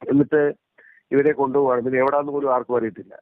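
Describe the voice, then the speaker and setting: A man's voice: medium pitch, little pitch movement, fast talker, no room sound. A man speaking emphatically in a casual phone conversation, repeating his points, heard over a phone line. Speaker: interviewee. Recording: tinny dry phone line.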